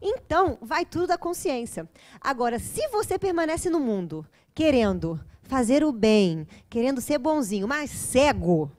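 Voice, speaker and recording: A woman's voice: high voice, very animated, unhurried, a little mellow. Chatty Brazilian woman giving a spiritual lecture. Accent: Brazilian Portuguese. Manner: chatty, joking, often asks the audience for agreement. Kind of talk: lively spiritual lecture to a live audience.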